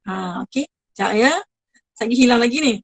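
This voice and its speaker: A woman's voice: on the high side, fast talker, dry recording, rough recording. A woman teacher with a Malaysian Malay accent, running an online class, chatty and apologetic, praising her students one by one.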